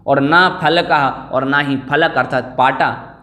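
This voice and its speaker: Slow, deliberate man teaching scripture. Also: mid-range voice, fairly even intonation, sharp tone. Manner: slow, deliberate explaining, drills pronunciation word by word. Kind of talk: online scripture class with Sanskrit chanting.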